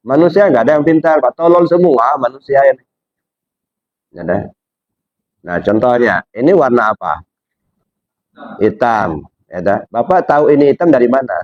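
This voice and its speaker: A man's voice: fairly high pitch, no echo, muffled recording. A man from Indonesia giving informal religious teaching, talking directly to a listener with rhetorical questions and frequent "ya, dah.".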